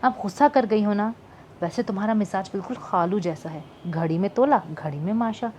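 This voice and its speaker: A woman's voice: mid-range voice, fairly quick, dark tone, a little hiss or hum, close to an everyday voice. A woman voicing a wry teasing young shopkeeper. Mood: coaxing. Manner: wry, mock-offended banter.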